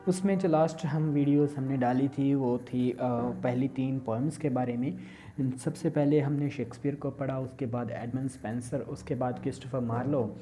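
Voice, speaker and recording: A woman, a college lecturer in a recorded lesson, who explains slowly, reads English examples aloud and explains them in Hindi, with frequent fillers. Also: very deep voice, fairly even intonation, dark tone, soft background music.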